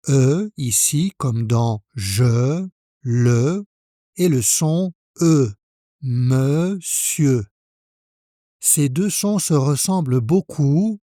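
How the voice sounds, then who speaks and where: A man from France teaching French pronunciation, speaking slowly and carefully, spelling out each sound for the learner. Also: a little high, mellow, no echo, studio quality. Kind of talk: pronunciation lesson.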